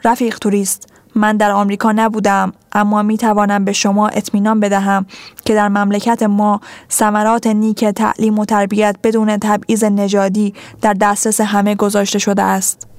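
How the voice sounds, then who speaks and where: A woman's voice: mid-range voice, completely flat delivery, a little mellow, dry recording, natural voice. A woman voicing a polite, patient male policeman who explains things formally in a storybook reading.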